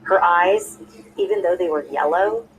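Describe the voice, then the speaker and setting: A young woman telling a scary story in smooth, scripted narration, played back from a video. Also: lowish voice, measured pace, a little hiss or hum, poor audio. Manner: smooth, even storytelling with a spoken ad read.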